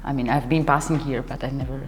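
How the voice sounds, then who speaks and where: A young Italian woman who is a dancer and choreographer has a bass voice with a steady tone. She chats casually in an interview, pausing often to find words, restarting sentences and laughing frequently, with hall reverb and faint music behind.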